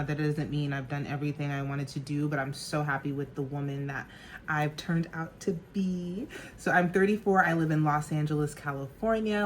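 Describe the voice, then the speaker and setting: Chatty woman in her thirties, lowish voice. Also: a little hiss or hum. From New Jersey. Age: 30s. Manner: bubbly, chatty, laughs often. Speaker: makeup artist and vlogger. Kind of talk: casual get-ready-with-me chat. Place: home.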